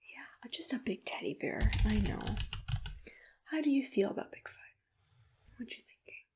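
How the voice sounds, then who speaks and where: This ASMR roleplay features a woman whispering breathily, mostly under her breath, right up against the microphone as a caring agency assistant. Her voice sits on the high side with large swings in pitch, and her customer-service manner is gentle, personal and relaxed.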